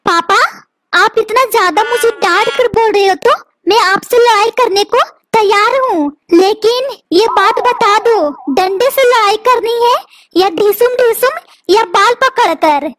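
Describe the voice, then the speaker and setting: A woman's voice: very high voice, measured pace, noisy background. A woman voicing a mischievous cartoon son who teases his parents, with music behind. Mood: mock-innocent. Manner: teasing, cheeky. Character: cheeky young boy, mischievous son. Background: background music.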